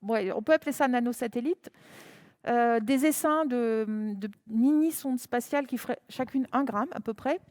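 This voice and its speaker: A woman panelist answering a question thoughtfully, pausing with fillers. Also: on the high side, a little mellow, no room sound, studio quality. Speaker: panel speaker, scientist.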